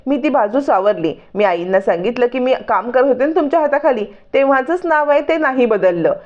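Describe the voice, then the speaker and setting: A woman's voice: high voice, lively intonation, a little fast, highs cut off, pitched above the performer's own voice. A woman voicing a flustered young woman who explains herself hurriedly. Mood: explaining.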